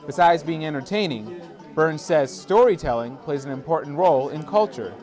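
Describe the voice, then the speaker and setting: Male reporter, fairly high voice, scripted news narration, music underneath. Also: expressive, moderate pace, darkish tone.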